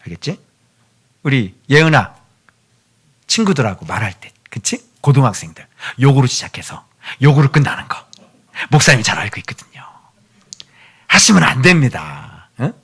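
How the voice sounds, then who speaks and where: A man's voice: medium pitch, very animated, moderate pace, pauses often, fairly bright tone, slightly rough. A male pastor preaching a sermon in a church, chatting with the children by name and sometimes dropping to a near-whisper. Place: church sanctuary.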